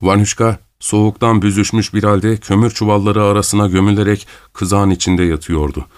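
A man narrating an audiobook in a steady, measured storytelling manner. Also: fairly low pitch, dry recording, clean studio sound.

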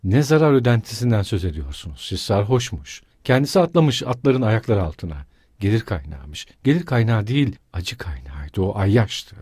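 A man reading the lines of a bitter, consumptive poor mother who lashes out in anger, his own husky voice barely changed. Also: fairly low pitch, sing-song, moderate pace, a little mellow, no room sound, studio quality. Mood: bitter, furious. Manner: angry, accusing outbursts.

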